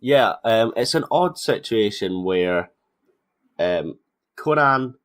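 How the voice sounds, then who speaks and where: A man's voice: on the low side, lively intonation, slow pace. A man hosting a wrestling podcast, chatting in a conversational, analytical way. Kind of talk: casual wrestling commentary chat.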